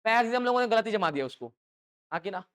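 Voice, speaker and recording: A man's voice: high-pitched, fast talker, clear, resonant tone. A man teaching English to exam aspirants in a live classroom lecture, constantly quizzing students with call-and-response questions. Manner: call-and-response questioning, lively rhetorical checks.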